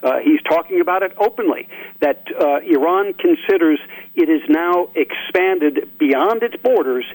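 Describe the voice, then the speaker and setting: A man's voice: fairly high pitch, darkish tone. Man, analyst guest, phone-line sound, earnest and insistent. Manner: earnest, insistent, with frequent restarts. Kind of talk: radio interview.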